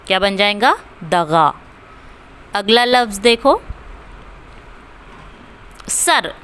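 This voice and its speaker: Slow, bright-voiced woman teacher spelling words. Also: a little high, smooth. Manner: spells out words letter by letter and repeats them for pupils. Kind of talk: slow classroom reading lesson.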